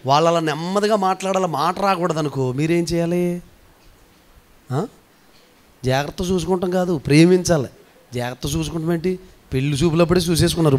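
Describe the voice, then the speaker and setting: High-voiced animated male preacher. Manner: animated, teasing, calls for responses from the congregation. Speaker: pastor. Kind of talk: sermon.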